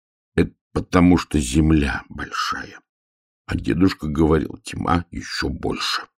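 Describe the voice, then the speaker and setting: A man voicing a young bear cub who talks slowly and a little pompously, as if he knows it all. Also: extremely low pitch, vocal fry, breathy edge, no echo, clean studio sound, full character voice. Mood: gentle. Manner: slow, knowing, a little pompous. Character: young bear cub, calm and self-important.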